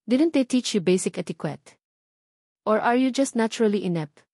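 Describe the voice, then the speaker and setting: A woman's voice: medium pitch, expressive, normal speed, darkish tone, no room sound, clean studio sound. A woman voicing a haughty rich mistress of the house who talks down to her maid in a cutting, condescending way. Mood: scornful.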